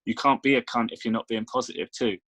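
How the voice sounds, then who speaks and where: A man's voice: medium pitch, steady tone, fast, a bit bright, no room sound, low-quality recording. A man, a meditation coach, explaining his ideas persuasively in casual conversation. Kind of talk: casual chat.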